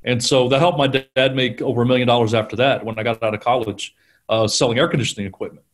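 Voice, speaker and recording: Middle-aged man, mid-pitched, chatty storyteller with lots of energy, guest on a talk show. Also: quick pace. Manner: animated storyteller, acts out quotes, laughs often. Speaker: guest, sales trainer. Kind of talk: conversational storytelling interview.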